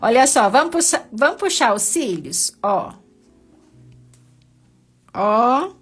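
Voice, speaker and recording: A woman's voice: on the high side, very animated, slow, husky, soft background music. A woman teaching a live painting class, patient and encouraging, walking her students through each step.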